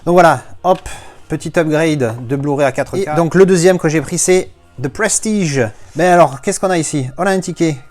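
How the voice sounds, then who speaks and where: A man's voice: on the high side, moderate pace, a little mellow, faint music behind. A man from France chatting casually as he unboxes his latest movie discs, rambling with playful asides.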